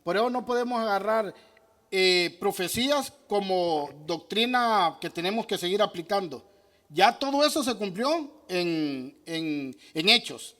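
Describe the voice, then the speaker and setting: A man's voice: sits high, a bit bright. A man preaching as pastor, answering questions from the congregation in an emphatic way that asks and answers his own questions. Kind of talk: sermon with audience questions.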